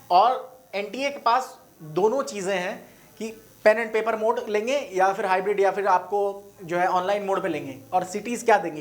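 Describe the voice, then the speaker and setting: Man coaching students, self-correcting. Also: high voice. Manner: reads out long lists, stumbles and corrects himself; casual, direct address to students. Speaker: exam coaching teacher. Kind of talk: explanatory online lesson.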